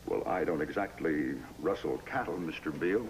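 An actor playing a hard, guarded businessman on the run from the law in an old television drama, speaking in a clipped, quietly threatening way. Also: rumbling low, animated, normal speed, rough recording. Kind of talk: 1950s television drama acting. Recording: old television recording with audible hiss.

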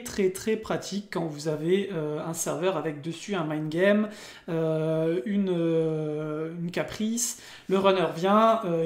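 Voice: medium pitch, darkish tone. A person with a French accent commentating their own online card game match casually, with many fillers and restarts. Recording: roomy, echoing room.

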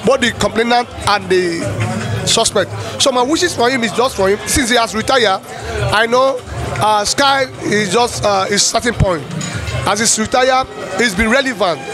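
A man giving an earnest, halting spoken tribute at a party, with loud music and crowd behind. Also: high voice. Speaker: guest giving well-wishes. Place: party hall.

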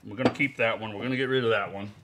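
A man's voice: lowish voice, fairly even intonation, very fast, noisy background. A man hosting a casual wine-tasting chat, talking in a rambling way with many fillers and restarts. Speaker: wine presenter. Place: indoors at a zoo building.

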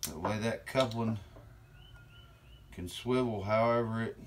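A man's voice: fairly low pitch, a little slow, a little hiss or hum. A middle-aged man with slightly slurred speech chats casually and unhurriedly while working with his hands in a workshop. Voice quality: slightly slurred from one-sided mouth weakness. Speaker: channel host. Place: cluttered indoor workshop. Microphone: camera on bench a step or two away.

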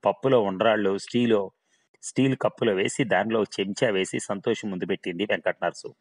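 A man tells a humorous story, reading in a steady, wry way. His voice sits on the lower side and stays even through the narration. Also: fairly quick.

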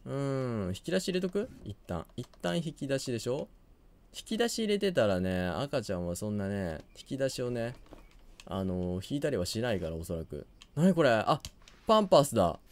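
A hoarse man giving quiet, low-key commentary on a game he is playing, muttering to himself as he goes. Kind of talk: quiet let's-play commentary.

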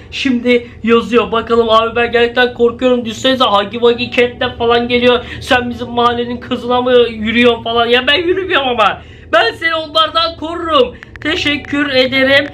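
High bright-voiced excitable young man. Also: slight background noise. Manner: excitable, exclaims, talks to viewers as "abi". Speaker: YouTuber. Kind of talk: dramatic reaction vlog to a fake chat.

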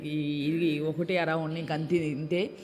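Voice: medium pitch, level tone, moderate pace, a little mellow, slight background noise, voice pushed down, close to an everyday voice. A preacher voicing a young man who regrets having thrown away precious stones. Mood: regretful. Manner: remorseful explaining. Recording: long reverb in a hall.

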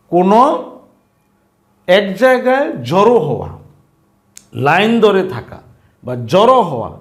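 A man teaching a spelling lesson, spelling out letters slowly, then asking questions and answering them himself. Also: sits high.

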